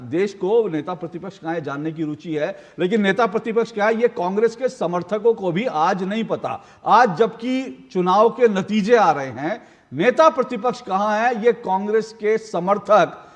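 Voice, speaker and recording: A man anchoring a live TV news debate, sharp and needling, often cutting in on his guests. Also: high-pitched, moderate pace, in a large hall, highs cut off.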